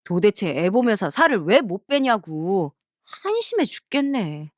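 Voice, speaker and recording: A woman's voice: mid-range voice, big pitch swings, unhurried, no room sound, studio quality. A woman voicing an irritable young husband in a story cartoon, answering snappishly and dismissively. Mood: irritated.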